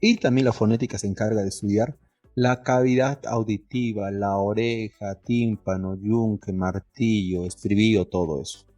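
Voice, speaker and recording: A man's voice: on the low side, steady tone, moderate pace, a little mellow, faint music behind. A male teacher giving a lesson, asking the class questions and answering them himself, with lots of diminutives.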